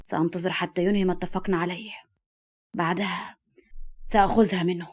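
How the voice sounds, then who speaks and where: A woman voicing a spiteful, vengeful male gang member who speaks low and formally. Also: little pitch movement, fairly quick, close to an everyday voice.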